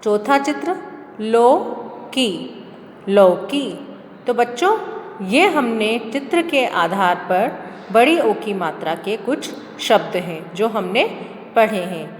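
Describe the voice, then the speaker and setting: A woman teaching young children to read, sounding out words slowly, one syllable at a time. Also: medium pitch, lively intonation. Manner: slow, drawn-out syllable-by-syllable word reading. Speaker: primary school teacher. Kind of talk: classroom reading lesson for children. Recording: echoey room with long reverb and faint hiss.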